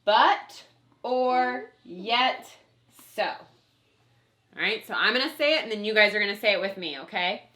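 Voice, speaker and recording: Woman teacher, bright, lively, slow and coaxing. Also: medium pitch. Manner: upbeat, playful, coaxing children to chant along. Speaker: homeschool co-op teacher. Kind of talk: leading a class recitation.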